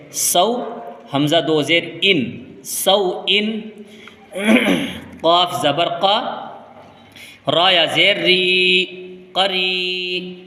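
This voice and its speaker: A man from India teaching a step-by-step reading lesson, slowly drilling syllables one by one and then explaining them in plain words. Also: on the high side, bright, forceful tone. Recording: echoey room with long reverb.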